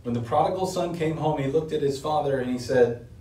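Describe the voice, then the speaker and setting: A man's voice: fairly quick, warm tone, distant mic. A middle-aged man preaching a sermon at a lectern, earnest and building force on key points. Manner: earnest preaching, rising in pitch and force when stressing points. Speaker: pastor. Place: small indoor room, standing at a lectern. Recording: roomy echo, voice set back from the mic.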